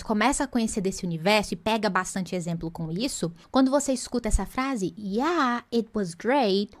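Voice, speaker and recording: A woman teaching English in an online lesson. She explains patiently and drags out the English example phrases to show how they are pronounced. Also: mid-range voice.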